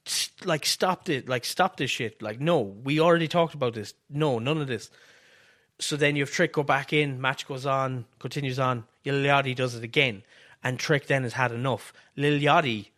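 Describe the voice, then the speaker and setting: A man's voice: mid-range voice, pushed and bright. A man co-hosting a casual podcast, rambling through wrestling ideas and acting out the wrestlers' lines. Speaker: podcast co-host. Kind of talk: casual wrestling fantasy booking chat.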